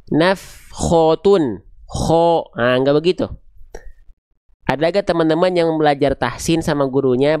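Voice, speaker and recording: Smooth-voiced man teaching recitation. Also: medium pitch, a little mellow, dry recording, clean studio sound. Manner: asks questions aloud and answers them himself; patient, step-by-step explaining. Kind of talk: online video lesson.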